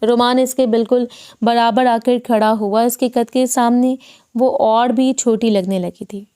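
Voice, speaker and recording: Smooth-voiced woman narrating a romance. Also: fairly high pitch, fairly even intonation, dark tone. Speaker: audiobook narrator.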